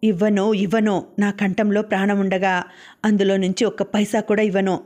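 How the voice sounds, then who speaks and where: A woman's voice: mid-range voice, flat delivery, moderate pace, a little mellow, close to an everyday voice. A woman reading the part of an ailing young wife who stubbornly refuses her husband. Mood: defiant.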